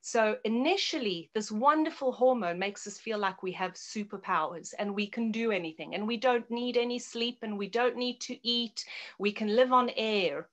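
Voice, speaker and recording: In an interview, a middle-aged South African woman offers clear, explanatory answers in her role as a guest naturopath and health adviser. Her voice is on the high side, and she talks at a normal speed.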